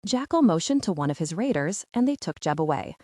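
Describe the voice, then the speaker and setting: A woman's voice: on the low side, big pitch swings, fairly quick, a little mellow, no room sound, clean studio sound. A woman narrating an audiobook with tense, dramatic storytelling.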